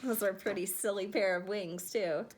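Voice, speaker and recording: Reading a children's picture book aloud, this woman speaks at normal speed in a mid-range voice and gives the story an expressive, storytelling delivery.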